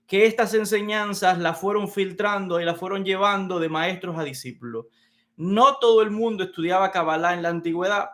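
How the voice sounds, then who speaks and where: A man teaching an introductory lecture on Kabbalah, unhurried and methodical, repeating key words as he explains them at a whiteboard. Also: sits high, fairly bright tone.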